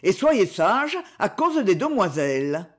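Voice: medium pitch, very animated, slow, fairly bright tone, full character voice. A reader voicing César Pointel, a solemn, resolute man who takes charge in a storybook reading. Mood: firm. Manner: firm, commanding.

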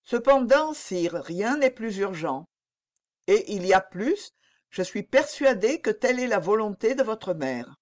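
A woman reading the part of a young princess who speaks with soft, sad firmness in an audiobook. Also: fairly high pitch, expressive, a little slow, pitched above the performer's own voice. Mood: melancholy. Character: young melancholy princess, gentle and firm.

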